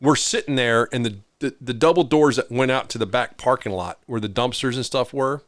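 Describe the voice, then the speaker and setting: Animated middle-aged man telling a story. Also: medium pitch, fairly quick, no echo, studio quality. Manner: animated storyteller acting out quoted voices. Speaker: podcast co-host. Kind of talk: casual storytelling chat.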